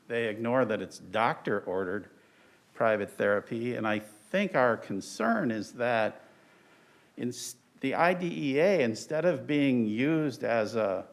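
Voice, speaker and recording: An older man, an attorney, giving a halting, deliberate oral argument in court. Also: medium pitch, expressive. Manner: halting, deliberate, with stretched pauses. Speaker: attorney arguing on appeal. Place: large courtroom. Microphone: lectern microphone, speaking through a face mask.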